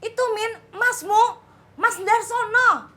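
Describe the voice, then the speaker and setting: A frightened young wife in a televised crime reenactment. Her very high voice pleads anxiously for help. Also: slow pace, pushed and bright, full character voice. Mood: frightened pleading.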